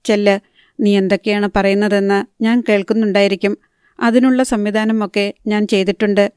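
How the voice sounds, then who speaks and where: A woman's voice: medium pitch, flat delivery, normal speed, a little mellow, clean tone, dry recording, clean studio sound, natural voice. A woman reading the part of a scheming, threatening man in an audiobook, in a cold voice. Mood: menacing. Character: menacing middle-aged man, scheming and threatening.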